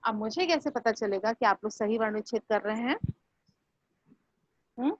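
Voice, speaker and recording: A woman teacher giving a slow, patient online lesson, asking her students questions. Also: on the high side, expressive. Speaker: Hindi teacher. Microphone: video call. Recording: muffled online class audio.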